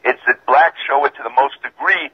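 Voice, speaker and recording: A man from Georgia calling in to a radio show, insistent and calmly argumentative, his voice tinny and metallic over a bad phone line. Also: mid-range voice, fairly quick, breathy edge. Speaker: caller. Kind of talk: call-in radio caller.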